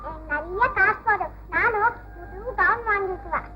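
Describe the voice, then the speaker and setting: An earnest little girl, very high-pitched. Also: moderate pace. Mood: innocent. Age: child figure. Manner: earnest childlike talk. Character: poor little girl selling dolls, polite and earnest. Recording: dull old film soundtrack with music.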